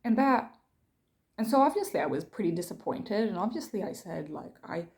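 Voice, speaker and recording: A woman's voice: mid-range voice, animated, normal speed, a little mellow. A woman vlogging, retelling a frustrating phone call in an agitated, emotional way with many restarts. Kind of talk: casual vlog storytelling.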